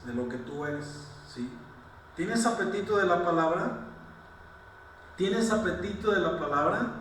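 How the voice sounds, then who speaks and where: A man's voice: a little high, sharp tone, slight background noise. A male pastor preaching a sermon, asking the same rhetorical questions again and again and breaking off into apologetic asides. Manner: repeats rhetorical questions, asks "¿sí?" often; apologetic, self-correcting asides. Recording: very echoey room, distant mic.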